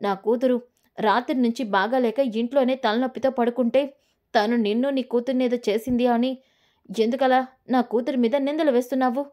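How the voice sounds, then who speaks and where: A woman's voice: a little high, steady tone, a little fast, warm tone, close to an everyday voice. A woman voicing a stern middle-aged mother who indignantly defends her daughter. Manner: scolding, indignant.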